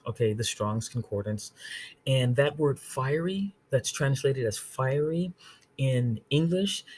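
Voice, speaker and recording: This woman's voice is extremely low and darkish in tone, heard over slight background noise. As an online Bible teacher she talks informally and earnestly through verses, reading scripture slowly, frequently asking "okay?" and starting phrases over.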